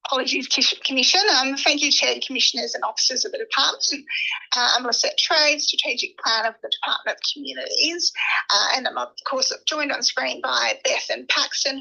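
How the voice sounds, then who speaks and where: Woman on a speakerphone, high and gravelly. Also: bright, forceful tone. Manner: reads steadily with frequent uh and um fillers. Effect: heard over a phone on speakerphone. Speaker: government department officer giving a deputation. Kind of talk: formal prepared statement to a meeting. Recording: muffled phone audio through a room speaker.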